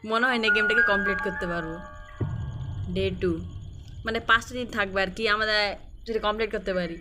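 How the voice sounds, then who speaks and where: Woman, Bangladeshi accent, mid-pitched voice, casual gaming commentary, informal chatty address, clear game music behind. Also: steady tone, brisk. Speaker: gaming video host. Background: eerie horror game music.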